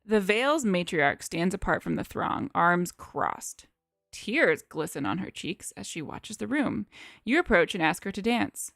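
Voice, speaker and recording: A woman's voice: medium pitch, big pitch swings, measured pace, creaky, a bit bright, dry recording, clean studio sound. A woman playing a tabletop game on a live stream, moving between casual chat and dramatic narration. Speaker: live stream player reading the game script aloud.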